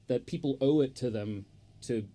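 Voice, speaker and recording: A man's voice: medium pitch, normal speed, warm tone. A man chatting on a podcast as the football pundit, opinionated and rambling, with lots of fillers and the odd swear. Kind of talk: casual chat.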